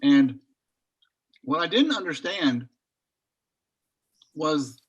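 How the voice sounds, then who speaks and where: A man with a bright, forward voice sitting a little above the usual pitch. He talks casually on a video call, rambling and thinking aloud as he works through a technical question. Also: animated, very slow, slightly rough. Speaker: study group member.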